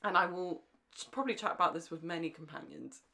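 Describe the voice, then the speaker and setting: A young woman co-hosts a casual fan podcast, chatting with enthusiasm and plenty to say. Her voice sits on the low side, with vocal fry and a sharp tone, and she talks fast.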